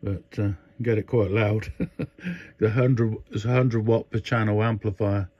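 At a measured pace and in a steady tone, an older radio hobbyist with a husky, low-side voice casually shows a modification at an indoor workbench. He rambles, full of fillers and restarts. The dull, dry lo-fi phone audio carries no room sound.

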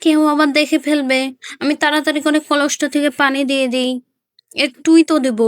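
A woman voicing a poor village mother who hushes and justifies herself in a doll story. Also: sits high, flat delivery, a little fast.

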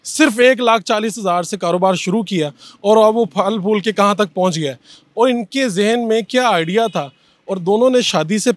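A young man, hosting a brisk street interview outdoors with a handheld mic. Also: sits high, dry recording. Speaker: interviewer and anchor. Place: busy city street outdoors.

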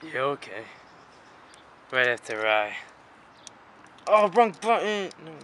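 A man's voice: fairly high pitch, big pitch swings, slow, a bit bright. An offhand man on a noisy film set. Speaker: actor in a friend's film. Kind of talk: casual banter on set. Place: outdoors. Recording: noisy outdoor recording.

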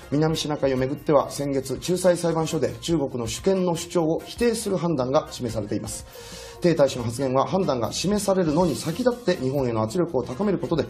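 Measured male host with faint music. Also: medium pitch, a little mellow. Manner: measured, attentive, reads news formally. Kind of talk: news reading and discussion.

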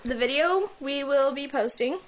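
A woman's voice: high-pitched, normal speed, background noise. A young woman chatting casually and teasingly into a handheld camera at home late at night. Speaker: video blogger. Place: at home, indoors. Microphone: handheld camera mic.

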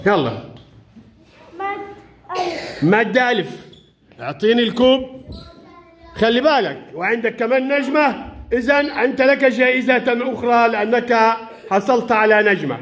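A man's voice: extremely high pitch, normal speed, pauses often, a bit bright. A male primary school teacher with a lilt, running a classroom lesson and coaxing his pupils with frequent laughs. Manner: coaxing, encouraging, laughs often.

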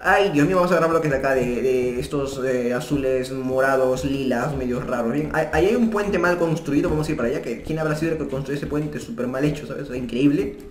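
A young man giving casual gameplay commentary from his new apartment, chatty and prone to sudden excited outbursts. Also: medium pitch, fast, few pauses. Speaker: gaming YouTuber. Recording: echoey room, faint background music.

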